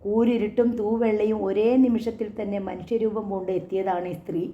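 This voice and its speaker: A woman who reads an audiobook story aloud in a measured, dramatic way. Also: medium pitch, flat delivery, warm tone, echoey room. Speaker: audiobook narrator. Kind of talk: scripted narration. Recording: dull lo-fi audio.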